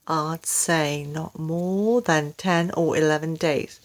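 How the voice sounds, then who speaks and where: Woman performing sly cruel husband, storybook character, slow drawn-out delivery, falsely solemn, ghoulish. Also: sits low, steady tone. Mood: mock solemn. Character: sly, mean husband feigning solemn concern, ghoulishly gleeful.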